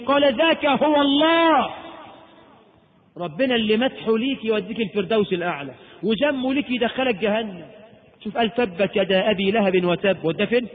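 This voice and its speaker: A man with an Egyptian accent preaching a sermon, swinging from loud, impassioned emphasis to quiet asides. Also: sits high. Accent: Egyptian Arabic. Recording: phone-like lecture recording in a reverberant hall.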